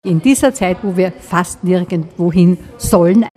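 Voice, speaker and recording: Austrian lady radio reporter, lowish mellow voice, chatty questions. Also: measured pace. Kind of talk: local radio interview. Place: restaurant dining room.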